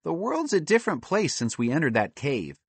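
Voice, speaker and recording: A man voicing a sensible, calm female squirrel in a storybook. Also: fairly high pitch, normal speed, gravelly, husky, no room sound, pitched above the performer's own voice, exaggerated voice. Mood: calm reassuring.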